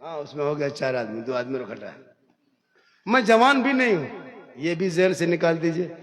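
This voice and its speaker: Speaking Hindi with a regional Jharkhand accent, a man in his fifties gives a comic sermon to a religious gathering. His voice sits on the high side and is expressive at an ordinary pace, swinging from loud declamation to chant-like singing and playful side remarks.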